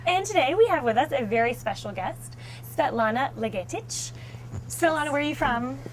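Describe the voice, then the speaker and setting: Female co-host, upbeat, enthusiastic, slightly high voice. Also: animated, normal speed, a little hiss or hum, low-quality recording. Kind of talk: casual talk show chat.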